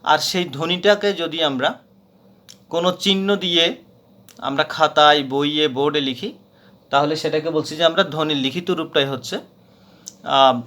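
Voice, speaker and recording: A man's voice: a little high, fairly bright tone. A man teaching a grammar lesson, patiently repeating points with frequent hesitations. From Bangladesh.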